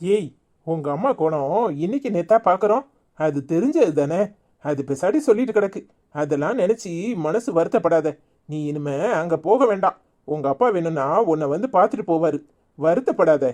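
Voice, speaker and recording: Woman doing a young husband in a tamil cartoon, mellow voice, calms his wife down. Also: on the low side, normal speed. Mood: soothing. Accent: Tirunelveli Tamil. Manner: coaxing, reassuring. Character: young husband, teasing but soothing.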